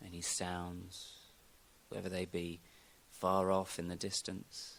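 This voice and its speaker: This low, gravelly male voice belongs to a yoga nidra teacher leading a guided meditation. He speaks calmly and without hurry, leaving long pauses. There is slight background noise.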